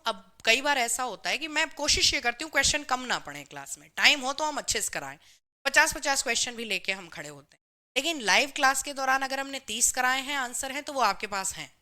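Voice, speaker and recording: Her voice is high-pitched, bright, and forceful as she teaches chemistry to a live online class in careful steps. Reading out what students write, she answers them, often saying "theek hai" and calling the class "bhai."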